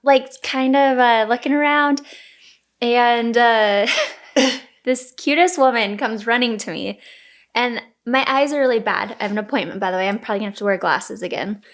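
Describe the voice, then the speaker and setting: A woman's voice: fairly high pitch, normal speed. A woman co-hosting a podcast, telling a story in a chatty, rambling way with lots of fillers. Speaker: podcast co-host. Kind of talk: casual chat and storytelling.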